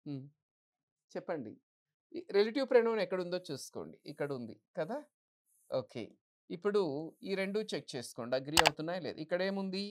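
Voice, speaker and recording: This exam-prep grammar lesson comes from a woman whose fairly low voice is very animated and a little mellow. She asks the class questions and answers them herself, reading English examples slowly and with care.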